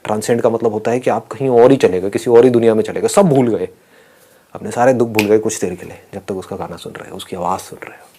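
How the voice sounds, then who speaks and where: A man's voice: on the low side, fast talker. Playful man giving a motivational talk. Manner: animated, playful, asks the audience questions. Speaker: motivational speaker. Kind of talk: live motivational session with students.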